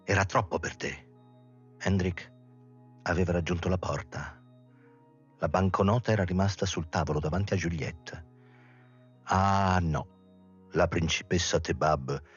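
A man reading a novel aloud in a measured, dramatic storytelling manner with a husky voice. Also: low voice, dull audio. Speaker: reader. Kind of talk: literary audiobook reading.

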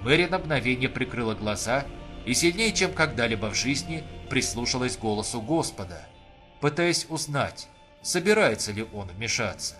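A man narrating an audiobook in a measured, even storytelling manner. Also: mid-range voice, soft background music.

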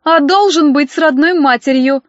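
A woman voicing a spiteful middle-aged female welfare inspector who scolds and sneers loudly, in an audiobook reading. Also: high voice, moderate pace, no room sound, voice pushed up, lightly acted. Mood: scolding. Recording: dry, dull lo-fi audio.

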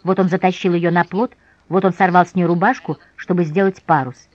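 A woman reading a novel aloud in a measured, expressive way. The sound is dry and close, with a slightly dull tone. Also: fairly low pitch, no echo. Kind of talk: audiobook narration.

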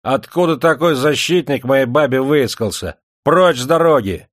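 A man voicing a drunken, boastful young peasant husband who bullies with loud, swaggering shouts. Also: medium pitch, normal speed, no room sound, clean studio sound, voice pushed up, close to an everyday voice. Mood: drunk, bullying.

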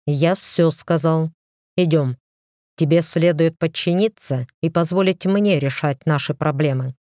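A woman's voice: low voice, unhurried, darkish tone, no echo, studio quality. A woman voicing a proud, commanding male lord who speaks firmly and curtly. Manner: firm, curt, commanding. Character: stern proud male lord, a dragon-like ruler.

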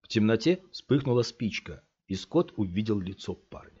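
A man narrating an audiobook in a dramatic, expressive reading. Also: fairly low pitch, moderate pace, breathy edge. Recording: dull lo-fi recording.

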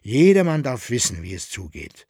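A man's voice: mid-range voice, big pitch swings, normal speed, gravelly, darkish tone, slightly rough, no room sound, studio quality, full character voice. A man voicing a plain-spoken tavern keeper in an audiobook, explaining matter-of-factly.

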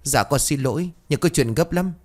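A man's voice: normal speed, close to an everyday voice. A man doing a frightened young servant. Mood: urgent. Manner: high, breathless, stammering.

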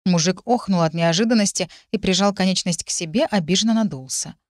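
A woman reading a first-person story aloud in an even, measured way. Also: lowish voice, no echo, clean studio sound. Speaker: audiobook narrator. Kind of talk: first-person audiobook narration.

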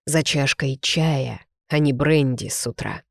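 A reader voicing a shrewd, stern old man with a cane, measured and coolly authoritative. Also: mid-range voice, vocal fry, no room sound, clean studio sound.

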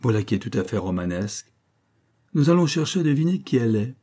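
A man's voice: medium pitch, big pitch swings, fast, dark tone. A man voicing a bluff, jovial middle-aged father with a teasing manner.

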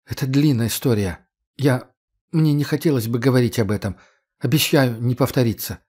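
A man's voice: medium pitch, moderate pace, darkish tone, lightly acted. A man voicing a young female soldier in an audiobook, pleading and insistent, holding back tears. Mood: hesitant.

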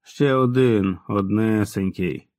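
A man voicing a reckless, crude young male punk who swears, shouts and turns quietly menacing. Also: fairly low pitch, slow, dry recording, clean studio sound. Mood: quiet menace.

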